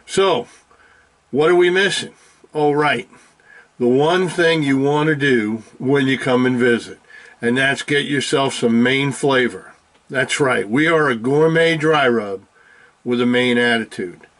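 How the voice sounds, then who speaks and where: A man's voice: mid-range voice, unhurried, fairly bright tone, roomy sound. Upbeat folksy man demoing barbecue. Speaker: small food business owner. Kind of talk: cooking demonstration. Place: kitchen.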